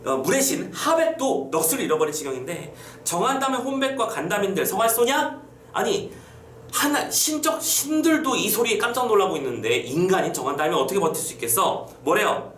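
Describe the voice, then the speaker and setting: A male teacher with a high, very lively voice, lecturing his students in a playful, chatty way and throwing quick questions at them. He sounds a little away from the mic in an echoey room, with a faint hum behind him. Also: distant mic. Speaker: Korean literature teacher.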